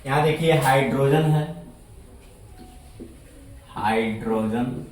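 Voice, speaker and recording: A man teaching a chemistry lesson to students, speaking slowly, repeating words, spelling them out letter by letter and answering his own questions. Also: fairly high pitch, animated, far from the mic, a little hiss or hum. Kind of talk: classroom lecture. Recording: echoey room, voice set back from the mic.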